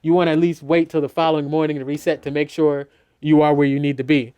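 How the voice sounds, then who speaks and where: A man's voice: fairly high pitch, level tone, fast, mellow, smooth. A middle-aged mix engineer talks through his mixing process in a studio, casual and loose, full of "you know" and restarts. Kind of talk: teaching a mixing walkthrough.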